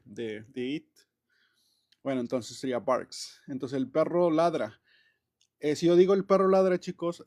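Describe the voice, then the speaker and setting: A man's voice: mid-range voice, a little mellow. A man teaching English grammar in a casual, chatty way, full of fillers and restarts. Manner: chatty, many fillers and restarts, laughs often. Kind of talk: casual classroom explanation.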